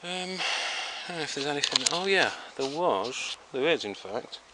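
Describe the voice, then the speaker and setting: A man's voice: fairly high pitch, lively intonation, measured pace. A man giving a casual, chatty, rambling tour of his backyard vegetable garden, speaking outdoors into the camera he films with. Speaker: home gardener. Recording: outdoor noise behind the voice.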